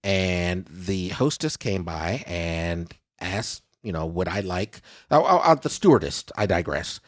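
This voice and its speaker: This comedy podcast host has a low, expressive voice and takes his time, recorded in clean studio sound without echo. His casual banter turns into theatrical rants dotted with "okay?" and "I digress."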